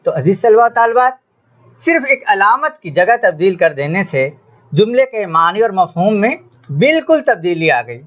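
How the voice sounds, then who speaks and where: A man's voice: high voice, very animated, moderate pace, a bit bright, lo-fi sound. A man teaching an Urdu grammar lesson to students, addressing them formally and stressing his examples in a raised voice. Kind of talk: classroom lesson.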